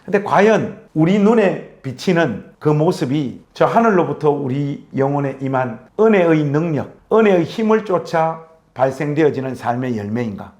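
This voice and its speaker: A man's voice: fairly high pitch, lively intonation, normal speed, a little mellow. A man who is a pastor and author, talking earnestly in a conversational interview with preacherly phrasing.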